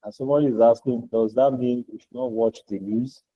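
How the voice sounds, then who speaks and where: A man's voice: mid-range voice, steady tone, brisk, slightly rough, no echo, dull audio. A man moderating the session, briefly thanking the speaker and reading out audience questions. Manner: brief, appreciative, reads out questions.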